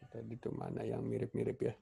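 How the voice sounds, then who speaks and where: Male welding instructor with an Indonesian accent, mellow tone, loose and halting delivery, computer mic on a call. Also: medium pitch, completely flat delivery, vocal fry, breathy edge. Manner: casual, halting, many fillers and restarts. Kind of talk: online class lecture. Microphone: computer mic on a video call.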